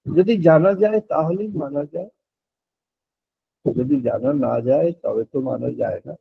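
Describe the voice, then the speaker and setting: An older man giving a devotional spiritual talk in slow, deliberate, drawn-out phrases, slipping in English words. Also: on the high side, sing-song, gravelly, husky, no room sound. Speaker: spiritual speaker. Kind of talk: devotional discourse. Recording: dull, muffled lo-fi recording.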